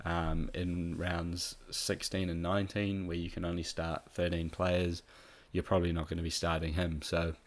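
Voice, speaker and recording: A man with a nasal voice from being a bit sick, talking through fantasy tips in a relaxed, casual way with plenty of ums. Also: sits low, normal speed, hardly any pauses. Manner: relaxed, with frequent ums and restarts. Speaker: fantasy football tipster. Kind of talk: casual solo analysis.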